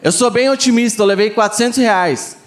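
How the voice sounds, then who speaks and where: High-voiced man telling a stand-up story. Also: fairly quick. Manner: animated storytelling with rising exclamations. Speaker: stand-up comedian. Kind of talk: stand-up routine. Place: comedy stage before a live audience. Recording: live show with faint crowd noise.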